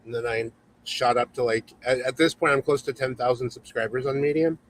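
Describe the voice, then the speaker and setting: A man's voice: mid-range voice, fairly even intonation, a little fast, slight background noise, rough recording. Male host in his forties, casual and chatty, on a video call. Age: 40s. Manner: reads viewer comments aloud, chatty. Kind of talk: casual livestream chat.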